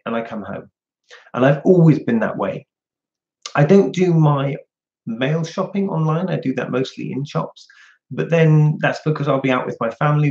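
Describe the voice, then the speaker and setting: Mellow and medium in pitch, a man chats candidly on a casual livestream from his home. He takes viewer questions, and the audio comes through dull and lo-fi.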